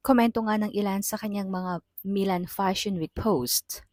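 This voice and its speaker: A woman reading a scripted entertainment news voice-over in an even, newsreader-like delivery. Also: mid-range voice, moderate pace, no echo, clean studio sound.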